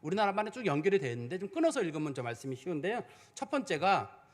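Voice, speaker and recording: High, lively-voiced male preacher. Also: quick pace. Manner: conversational preaching, acting out quoted prayers. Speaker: pastor. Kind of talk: sermon.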